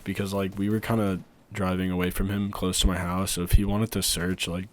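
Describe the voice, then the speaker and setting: A man's voice: low voice, level tone, fairly quick. A young adult man telling a personal story in a casual, blunt, sweary way, like a video storyteller.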